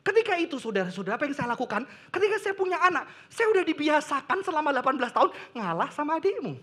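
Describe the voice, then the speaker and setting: A middle-aged pastor from Indonesia preaching a sermon in an animated way, slipping in English phrases and casual slang. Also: male voice, very high voice, rapid-fire.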